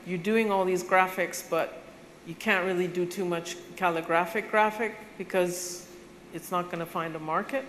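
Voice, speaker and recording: Panel moderator, engaged and prompting, mid-pitched, hall reverb with faint ambience. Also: steady tone, normal speed, a bit bright, a little hiss or hum.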